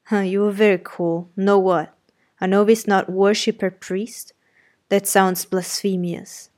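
In an audiobook, a woman plays a middle-aged master of the house, a brusque gentleman who is imperious, curt and sardonic in his questioning. Her voice is set low, clipped and commanding, with a level, somewhat dark tone and a slightly slow delivery.

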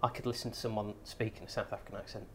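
A man's voice: on the low side, level tone, racing, a bit bright. Man, podcast guest, chatty, jokey, faint room noise. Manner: chatty, restarts phrases, tells jokes. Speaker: guest, wine educator and comedian. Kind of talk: casual podcast chat. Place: studio near a busy street.

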